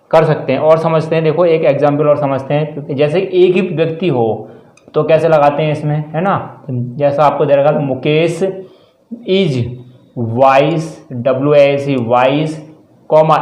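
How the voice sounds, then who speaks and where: A man's voice: fairly high pitch, a little mellow, dull audio. A man teaching a grammar lesson step by step, spelling out words letter by letter and checking in often. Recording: echoey room.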